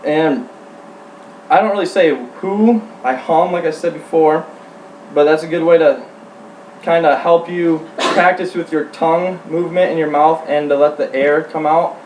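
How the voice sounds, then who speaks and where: A man giving an informal how-to demonstration as a hunting instructor, speaking in a halting, plain-spoken way. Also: a little high, steady tone, a little mellow. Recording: roomy, distant mic, faint hum.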